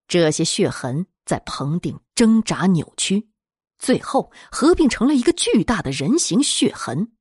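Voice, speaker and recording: A woman narrating a scripted horror story in a dramatic, expressive storytelling manner. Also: medium pitch, unhurried, slightly rough, no echo, clean studio sound.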